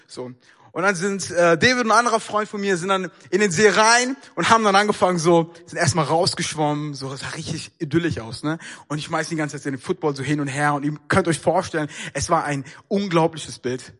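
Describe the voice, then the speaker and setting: A young man with a high, bright voice gives a casual, storytelling sermon. He talks in everyday slang and acts out the people in his story with lively shifts of voice. His tone is crisp and clear throughout. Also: a little fast. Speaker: preacher.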